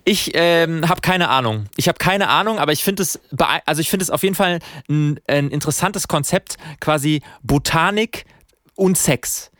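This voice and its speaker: A man with a fairly high voice teases the others quickly and jokingly. He talks on a close podcast microphone. The sound is dry and close. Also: fairly bright tone, no room sound. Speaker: podcast co-host. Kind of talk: casual comedic chat.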